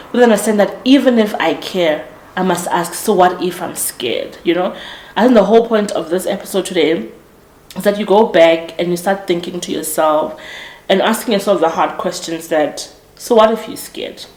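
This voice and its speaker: A podcast host in her late twenties, with a voice on the low side, shares a casual motivational monologue. She talks earnestly and reflectively, often breaking off to restart or correct herself. The recording is reverberant and of poor quality.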